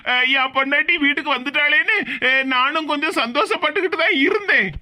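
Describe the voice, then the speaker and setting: A woman's voice: sits high, fast talker, bright, forceful tone. A woman voicing a confused, harried young husband caught between wife and mother in a cartoon, in a Tirunelveli Tamil accent. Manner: puzzled, flustered.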